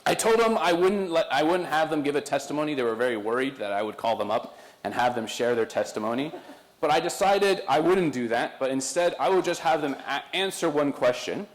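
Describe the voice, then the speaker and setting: A man's voice: fairly high pitch, animated, a little fast. A man giving a conversational sermon, joking with the congregation as he introduces guests. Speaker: pastor.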